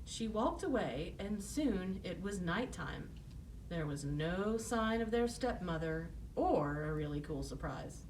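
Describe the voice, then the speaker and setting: A woman's voice: fairly low pitch, animated, slow, darkish tone, recorded from a distance, slight background noise, poor audio. A woman storyteller narrating a children's fairy tale, in the manner of a fairy tale opening.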